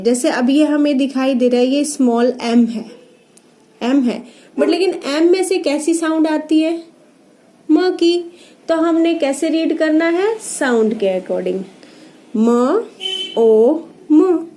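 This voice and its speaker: A woman's voice: high voice, dark tone. A woman teacher who gives a phonics lesson for young children and sounds out each letter one by one.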